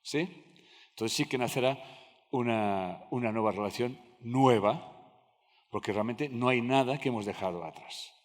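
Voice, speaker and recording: A man's voice: medium pitch, normal speed. A man giving a live lecture to an audience, telling anecdotes, acting out dialogues and often checking that listeners follow. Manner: talks with the audience, acts out dialogues, asks "¿me siguen?" often. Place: large lecture hall with audience. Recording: reverberant hall.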